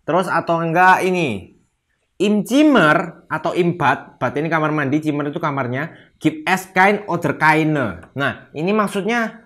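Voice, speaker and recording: A young man talks through a relaxed language lesson in a loose, chatty way. He acts out little sample complaints in a livelier voice, then slows down carefully to say each foreign phrase. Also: fairly high pitch. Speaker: language teacher. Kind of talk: casual lesson explaining phrases.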